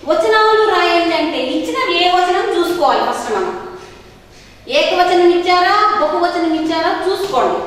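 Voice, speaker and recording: A woman from Andhra Pradesh with a Telugu accent, teaching a grammar lesson to young pupils, slow and patient, repeating each word for them to copy. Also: very high voice, lively intonation, a little hiss or hum. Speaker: school teacher. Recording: very echoey hall, voice far from mic.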